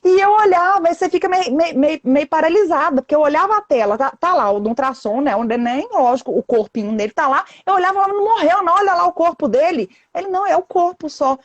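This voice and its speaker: A woman's voice: high-pitched, animated, quick pace, few pauses, no room sound. A woman in her thirties on a live video call, telling a painful story with intensity and acting out what people said to her. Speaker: guest sharing her story. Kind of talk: emotional live chat.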